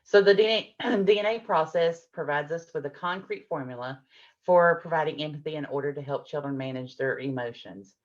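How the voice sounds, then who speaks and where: A middle-aged woman presents a parenting workshop, explaining warmly with patient examples and acting out lines from both adults and children. Her low voice moves fairly quickly, and the high frequencies are cut off.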